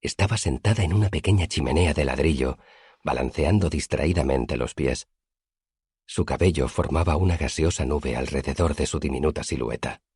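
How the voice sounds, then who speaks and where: A man narrates an audiobook in a measured storytelling manner. His voice is deep and husky. The recording is dry and close. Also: a little mellow, no echo.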